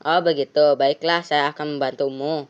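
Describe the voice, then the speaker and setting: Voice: mid-range voice, steady tone, moderate pace, clear, resonant tone, highs cut off, close to an everyday voice. A game streamer voicing a brusque, impatient male police officer in a horror game, reading his lines aloud in a scolding tone. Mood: gruff.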